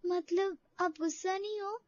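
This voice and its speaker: A woman's voice: extremely high pitch, steady tone, unhurried, no echo. Woman doing a shy young bride cartoon voice, nervous and polite, bit lo-fi. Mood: tearful. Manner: hesitant, respectful, addresses her elder as "mummy ji". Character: young new bride, timid and eager to please. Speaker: cartoon character.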